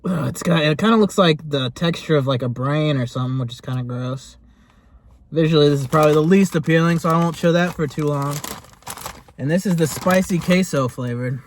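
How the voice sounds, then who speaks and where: A man's voice: on the high side, a little fast. A man giving a casual, rambling food review in a laid-back, chatty way, as host of a taste test. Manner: rambling, laid-back, hesitant phrasing with lots of "like".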